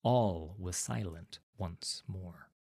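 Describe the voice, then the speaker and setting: A man reading a fantasy story aloud as narrator, with a dramatic, expressive delivery. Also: low voice, very slow, dry recording, clean studio sound.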